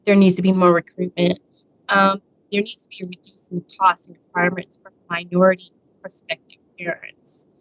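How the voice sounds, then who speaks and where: A woman's voice: fairly low pitch, flat delivery, no room sound. Woman with uneven volume from a cutting-out mic. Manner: halting, frequent fillers and restarts. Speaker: presenter. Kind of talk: slide presentation on adoption. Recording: dull lo-fi online call audio.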